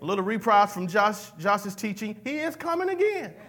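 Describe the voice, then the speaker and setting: A man's voice: high-pitched, sing-song, normal speed, fairly bright tone. A man preaching a sermon, leading the congregation in call-and-response and mixing in folksy asides. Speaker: pastor.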